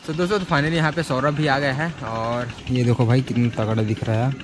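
Out among rural fields and village lanes, a young man films a casual vlog on a phone held at arm's length, chatting to viewers and calling them friends and brothers. His mid-range voice is flat and brisk. The background is noisy.

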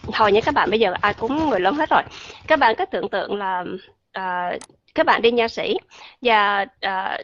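A woman's voice: fairly high pitch, fairly bright tone, highs cut off. A woman teaching an online English pronunciation lesson, chatty and checking often on her listeners.

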